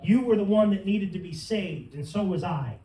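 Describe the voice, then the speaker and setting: Fervent high-voiced male preacher. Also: normal speed, warm tone. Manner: fervent, rising to emphatic peaks. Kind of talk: sermon. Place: church sanctuary. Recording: roomy sound from some distance.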